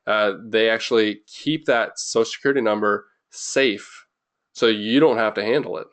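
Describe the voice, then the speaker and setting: A man's voice: fairly low pitch, normal speed, fairly bright tone. Chatty man rambling through a webinar. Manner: rambling and chatty, with many fillers and restarts. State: jittery from caffeine. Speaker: webinar host. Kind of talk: informal webinar presentation.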